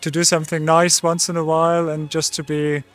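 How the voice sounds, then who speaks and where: Even-toned man with a mild manner. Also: on the high side, brisk. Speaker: interviewee. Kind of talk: casual street interview answer.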